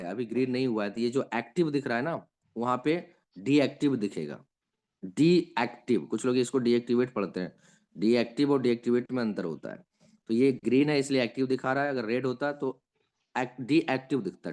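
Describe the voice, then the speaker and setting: Man patiently explaining a screen tutorial. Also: mid-range voice. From India. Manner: patient step-by-step explaining, often checking in with listeners. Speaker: trainer explaining an app.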